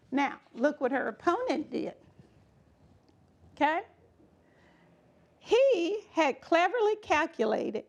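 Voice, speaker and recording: Her voice sits high and sounds gravelly as she reads a children's story aloud. The woman performs it expressively, with emphasis, dramatic pauses and chatty asides to the children.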